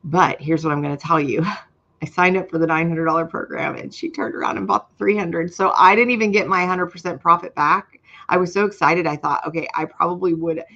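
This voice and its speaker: A woman's voice: fairly low pitch, fairly even intonation, a little fast, sharp tone, highs cut off. A woman in her fifties giving an earnest, emotional testimonial, speaking straight to her viewers. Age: 50s. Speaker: program member sharing her story. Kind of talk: candid personal testimonial.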